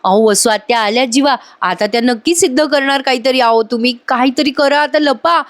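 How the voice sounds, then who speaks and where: A woman's voice: high voice, dry recording, close to an everyday voice. A woman voicing a flustered young wife. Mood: anxious. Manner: anxious, hurried.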